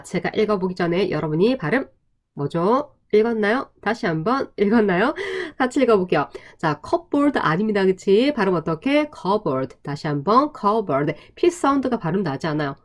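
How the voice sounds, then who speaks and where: A woman's voice: mid-range voice, a little mellow. Woman english test tutor going over answers, keeps asking "got it?" and repeating words for pronunciation. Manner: teacherly, drills pronunciation with repeated prompts and rhetorical questions. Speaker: TOEIC English instructor. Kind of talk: exam review lecture.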